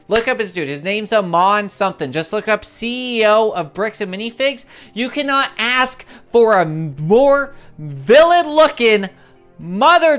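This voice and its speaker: A livestream host tells a long story in casual chat, rambling with constant filler words and keeps saying how crazy it all is. The voice is smooth and clear at a middling pitch. Soft music plays faintly underneath. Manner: excitable, repeats "it's crazy".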